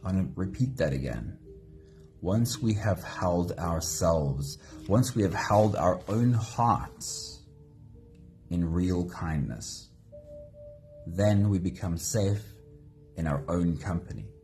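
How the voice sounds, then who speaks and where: A very deep-voiced man leads a live guided meditation at an unhurried pace. His tone is mellow and gentle. Soft music plays faintly behind him. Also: lively intonation. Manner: slow, gentle, greets viewers by name. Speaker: meditation host.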